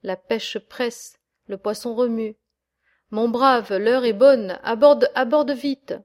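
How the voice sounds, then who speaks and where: A woman's voice: mid-range voice, steady tone, unhurried, a little mellow, natural voice. A woman voicing a mocking male boatman who urges a traveller aboard. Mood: jeering. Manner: mocking, urging.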